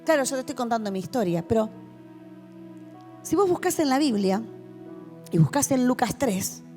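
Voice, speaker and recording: This woman's voice leans high and mellow, with lively intonation at a moderate pace, and faint music sits in the background. A pastor with a Rioplatense Spanish accent, she passionately recounts her testimony to a youth meeting in a church hall.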